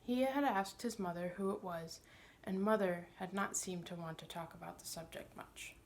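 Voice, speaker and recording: A woman's voice: fairly low pitch, normal speed, a little hiss or hum. A woman narrating a children's novel, reading it aloud as a storybook reader.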